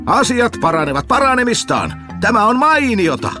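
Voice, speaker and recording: A man voicing a simple, cheerful peasant boy who shouts with glee about his finds. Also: very high-pitched, over music, pitched above the performer's own voice. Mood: gleeful. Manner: shouting, gleeful, excited.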